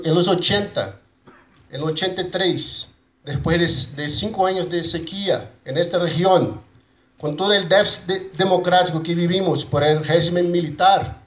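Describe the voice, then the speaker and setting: A man with a Brazilian Portuguese accent and native Portuguese gives a conference presentation in a halting mix of Spanish and Portuguese, repeating and rebuilding his words. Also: fairly high pitch, fairly bright tone. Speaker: conference speaker for an agroecology movement. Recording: roomy echo, faint background noise.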